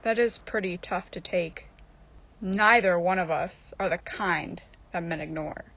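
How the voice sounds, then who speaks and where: In a radio horror drama, a woman voices a sly, bossy seductress spirit who coaxes her friend, stretching and stressing her words. Her pitch is fairly low, with a bit of brightness.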